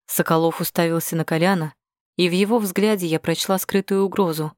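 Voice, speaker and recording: A woman narrating a first-person audiobook in a measured, steady way. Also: fairly low pitch, no room sound, studio quality.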